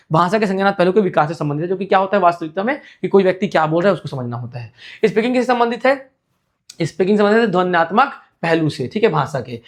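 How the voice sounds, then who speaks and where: High-voiced man teaching exam prep. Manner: keeps asking and answering his own questions, repeating each point.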